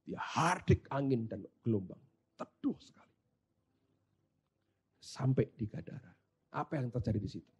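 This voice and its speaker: A male pastor preaching a sermon. He switches between hushed asides and loud, dramatic exclamations. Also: medium pitch, very animated, moderate pace, long pauses, slightly rough.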